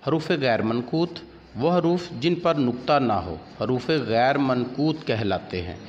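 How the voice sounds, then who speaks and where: A man with an Urdu accent teaches a grammar lesson at an unhurried, deliberate pace, reading out examples one after another. The recording is dull and lo-fi, with a long reverb tail and faint hiss behind him. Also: mid-range voice, expressive.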